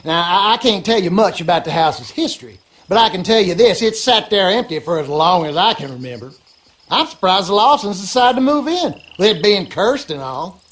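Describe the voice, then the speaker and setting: A high-pitched male voice plays a gossipy, superstitious backwoods swamp husband in animated game dialogue, with a rural Louisiana Southern accent. He's brisk, fairly bright, and confiding, drawling folksy, colloquial stories.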